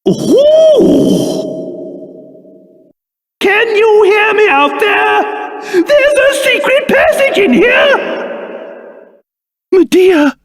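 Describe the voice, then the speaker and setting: An actor playing a pompous, fussy old king turned into a small monster in a video game, with a British accent and a theatrical, excitable delivery. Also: very high voice, very slow, long pauses, no echo, exaggerated voice. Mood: alarmed, indignant, then tender.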